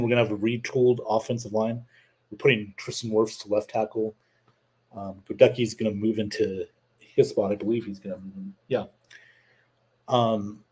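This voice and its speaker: Casting note: male show host, lowish husky voice, casual opinionated sports rant with many fillers. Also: darkish tone. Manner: opinionated, rambling with fillers, reads chat comments aloud. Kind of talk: casual livestream sports talk.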